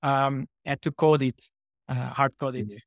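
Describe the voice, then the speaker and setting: A man's voice: mid-range voice, flat delivery, measured pace, vocal fry, no echo, studio quality. A man in his thirties from Portugal, a startup co-founder, chatting as a podcast guest with many fillers and restarts. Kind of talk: casual interview talk.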